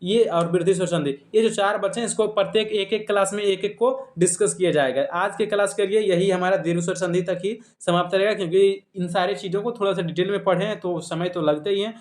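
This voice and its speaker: A man's voice: high voice, steady tone, a little fast, few pauses, reverberant. A man with a Bihari Hindi accent teaching a grammar lesson online, explaining step by step and repeating each example.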